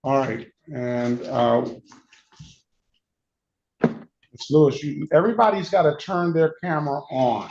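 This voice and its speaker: A man presiding as a judge over a remote court hearing, halting and procedural with frequent fillers, heard as a courtroom recording over a video call. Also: a little high, a little mellow. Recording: echoey, dull courtroom recording.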